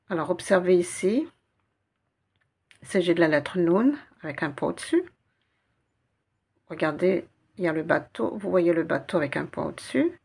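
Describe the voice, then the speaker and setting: A woman patiently teaching Arabic reading, spelling out letters and repeating syllables slowly. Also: on the low side, creaky, darkish tone, slightly rough. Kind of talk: guided reading lesson.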